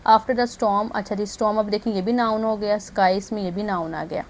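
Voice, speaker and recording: A woman teacher who talks through the lesson briskly, labelling one word after another. Her voice sits at a middle pitch, and faint noise hangs behind it. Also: steady tone. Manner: brisk and explanatory, labels each word step by step. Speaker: English teacher. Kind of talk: explaining grammar lesson.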